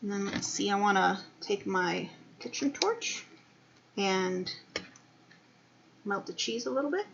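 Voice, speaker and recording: A woman hosting a casual cooking stream, chatty and playful, sounding a little low on energy. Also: animated, measured pace, creaky, long pauses, noisy background. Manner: chatty, playful, laughs often. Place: home kitchen. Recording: echoey dull home recording.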